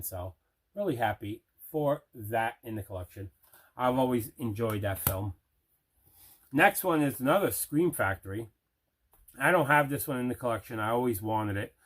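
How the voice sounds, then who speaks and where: A man who collects movies hosts an unboxing-style video, showing off items from his collection. His mid-pitched voice sounds enthusiastic, and he chats in a casual, conversational way.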